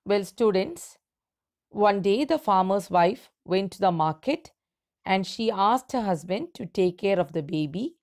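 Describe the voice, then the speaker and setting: A woman teacher with a medium-pitched, slightly mellow voice and lively intonation reads a story aloud to her students and explains what its words mean. She reads slowly, deliberately and clearly, pausing between phrases.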